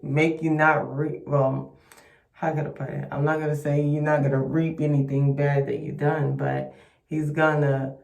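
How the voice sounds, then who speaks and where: A woman's voice: low voice, gravelly, a little mellow, roomy sound. A sleepy woman who has just woken up, reading scripture aloud and reflecting on it in a casual devotional way, mumbling and stumbling over words. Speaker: Bible reader.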